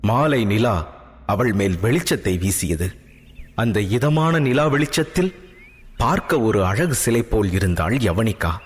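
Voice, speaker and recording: A man narrating a scripted audio drama with expressive storytelling. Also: mid-range voice, a little slow, slightly rough. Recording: music bed, long reverb.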